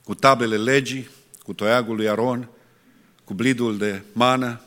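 A man's voice: medium pitch, steady tone, a bit bright, long reverb tail. A man preaching a sermon earnestly, asking his listeners rhetorical questions.

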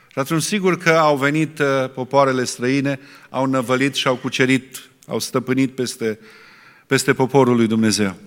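Man preaching in an echoing hall. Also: medium pitch. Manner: earnest, rhetorical questions, varies loudness. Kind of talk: sermon.

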